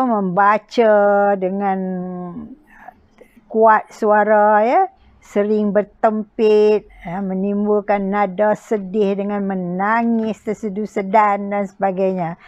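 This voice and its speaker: A woman with a Malaysian accent teaching poetry recitation in an informal lecture, halting often and adding little checking tags. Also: medium pitch, no room sound, dull audio. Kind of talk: informal spoken lecture with examples.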